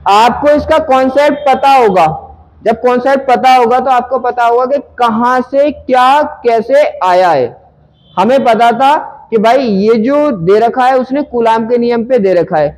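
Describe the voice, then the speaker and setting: High-voiced man teaching physics problems. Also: a little mellow, low-quality recording. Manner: conversational, asks students questions and answers them himself. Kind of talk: explaining a numerical problem to students.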